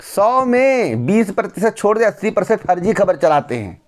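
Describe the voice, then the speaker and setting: A man's voice: high-pitched, sing-song, normal speed. A man hosting a news channel, giving blunt, lecturing commentary straight to camera and repeating phrases for emphasis.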